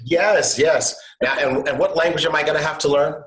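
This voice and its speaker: A man's voice: a little high, steady tone, normal speed, fairly bright tone. A man hosting an online interview show, enthusiastic and upbeat, talking over a video call. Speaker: show host. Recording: echoey room.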